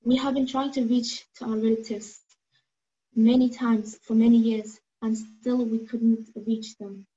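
A seventeen-year-old girl from Norway speaks over a video call from a room at home, earnest and measured, with small hesitations. Her voice sits fairly high but stays flat and steady, with a warm tone, and the call audio sounds muffled. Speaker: speaker giving testimony. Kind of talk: prepared personal testimony.

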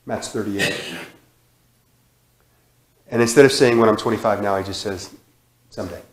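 A man in his thirties preaching a sermon in a church sanctuary, repeating phrases with emphasis and sudden drops to a hush. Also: fairly low pitch, normal speed. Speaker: guest preacher. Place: church sanctuary, large indoor room. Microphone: far camera, room mic. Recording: echoey church hall.

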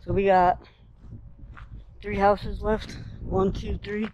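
A man's voice: high-pitched, flat delivery, slow pace, a little mellow, lo-fi sound, slight background noise. A man casually narrating as he walks through empty abandoned houses, making offhand comments while filming on a handheld camera. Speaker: urban explorer vlogger.

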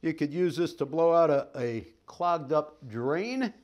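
A middle-aged sales trainer with a voice on the high side and a darkish tone gives an upbeat product demonstration at a measured pace. His folksy, animated patter is full of jokes as he handles the equipment in a staged living room.

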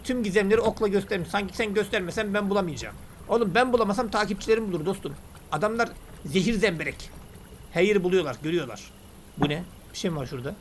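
A man talking excitedly and casually while he plays a game and comments on it. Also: sits high, fast, slight background noise. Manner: chatty, excitable, slangy banter. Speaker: gaming YouTuber. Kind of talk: let's play commentary.

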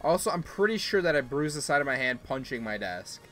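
A man hosting a game livestream, chatting casually and bursting into playful mock-outraged yelling for his chat. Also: mid-range voice, sing-song, a little fast, faint music behind. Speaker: gaming livestream host.

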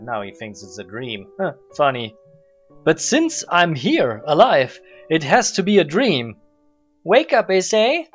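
A man's voice: a little high, highs cut off. A man hosting a mock-dramatic reading of a novel, theatrical and full of sarcastic asides. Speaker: host reading aloud a novel and mocking it.

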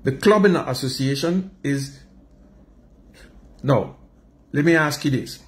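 Speaking at medium pitch and a little slowly, with a reverberant sound, a man with a Caribbean accent hosts an unscripted sports radio interview. Working in a small indoor studio where faint noise lingers, he presses the guest and keeps rephrasing and repeating his questions.

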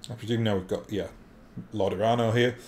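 A man's voice: on the low side, steady tone, brisk, a little mellow. A man giving casual gameplay commentary as he plays through a story-driven video game. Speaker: game streamer reading dialogue aloud. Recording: faint background noise.

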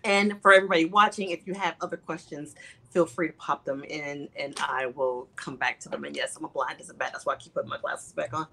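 A woman's voice: sits low, fairly even intonation, fast talker, vocal fry, pushed and bright. A woman hosting a casual chat over a video call, enthusiastic and chatty. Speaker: host.

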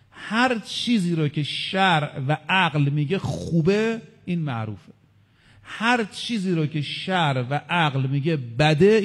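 A man's voice: on the high side, big-room sound. A male cleric giving a religious lecture. He counts his points aloud and quotes Arabic sayings. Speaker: cleric preacher.

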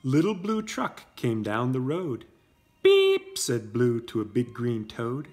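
A parent in his thirties reads a children's storybook expressively to a preschool class, adding simple casual asides. His medium-pitched voice is unhurried with a darkish tone, and faint music plays behind him. A camera a short distance away records him in an indoor room with a brick wall.

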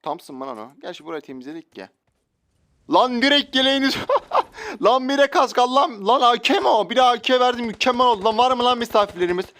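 A young man giving loud, joking commentary while playing a shooter game, often shouting out at sudden moments. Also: very high-pitched, lively intonation, fast talker. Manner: loud outbursts, joking, slangy. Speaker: gaming YouTuber. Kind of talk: excited gameplay commentary. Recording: faint game sounds and gunfire.

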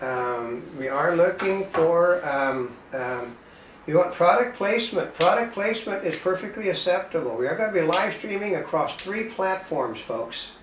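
On a live home cooking show, a man banters casually and rambles, cracking dry self-mocking jokes. His slightly high voice is animated and a bit bright at normal speed, caught by a distant camera mic in an indoor home kitchen, so the sound is roomy with a little hiss or hum.

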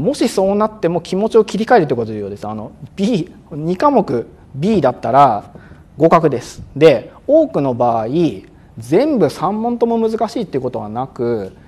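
Man lecturing with lively pitch. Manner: brisk and loud on purpose, with frequent fillers; acts out examiners and exam-day self-talk. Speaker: exam prep instructor.

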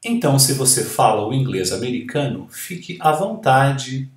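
A man, a Portuguese speaker, teaching an English grammar lesson on video, explaining slowly and reading English examples out with care. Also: mid-range voice, sing-song, recorded from a distance. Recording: roomy sound from off the mic.

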